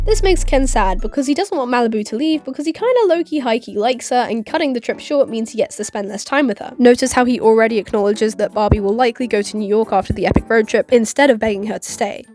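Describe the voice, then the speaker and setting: A young woman in her twenties talks through a film recap in a rambling, sarcastic style and throws in giggly asides. Her voice sits a little high, and faint music plays under her. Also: darkish tone. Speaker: YouTube commentator. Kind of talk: casual commentary vlog.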